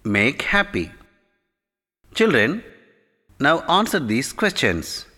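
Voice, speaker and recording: A man reading an English lesson aloud to children in a slow, clear, instructive way. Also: mid-range voice, wildly swooping pitch, bright, forceful tone. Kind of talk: scripted lesson narration. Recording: long hall reverb.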